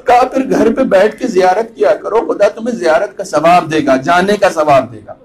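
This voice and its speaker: A man delivering a Muharram majlis sermon as a cleric, impassioned, chanting Arabic phrases slowly and swelling to loud cries. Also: sits high.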